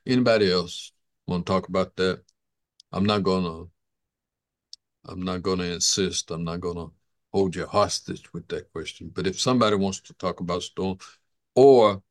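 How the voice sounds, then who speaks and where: A pastor leading a church Bible study with a very low voice, easygoing and inviting. His voice sounds close and dry, with little room sound. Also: dry recording. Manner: easygoing, invites the group to speak.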